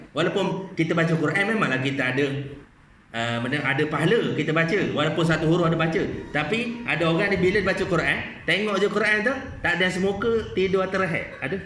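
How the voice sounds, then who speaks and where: Male mosque lecturer, bright forceful tone, conversational, keeps asking the room questions; echoey hall. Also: fairly high pitch, slight background noise. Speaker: religious lecturer.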